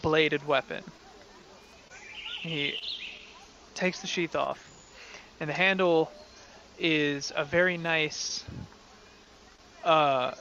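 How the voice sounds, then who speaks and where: A male game master with a bright, fairly high voice narrates a tabletop adventure in a loose, descriptive way, full of hedging fillers. The recording is a little dull and lo-fi, with faint noise behind him. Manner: relaxed, descriptive, many fillers and hedges.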